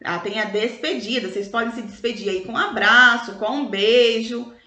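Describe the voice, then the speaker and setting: Woman, Brazilian Portuguese accent, primary school teacher, high voice, sing-song explaining, echoey room. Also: bright, forceful tone. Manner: slow, sing-song explanations with stretched words. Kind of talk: recorded review lesson for children.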